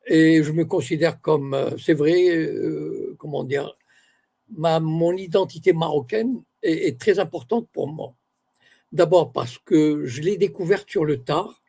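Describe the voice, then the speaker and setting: An older Moroccan man, an author and university academic, speaks as an interview guest in reflective talk. He measures his words, searches for them, and corrects himself along the way. His voice is gravelly and husky, dark and mellow, pitched slightly high for a man.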